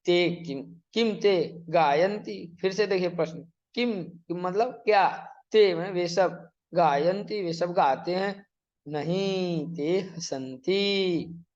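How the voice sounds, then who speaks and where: Man dictating a Sanskrit lesson slowly. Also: sits high, dull audio. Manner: slow, drawn-out dictation of words with quick explanations; instructive, repeats and translates each phrase. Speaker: Sanskrit teacher. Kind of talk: online exam-prep lesson.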